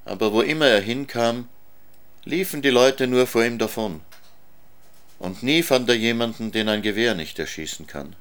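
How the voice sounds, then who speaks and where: A man reading a children's story aloud in a calm, measured way. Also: mid-range voice, smooth.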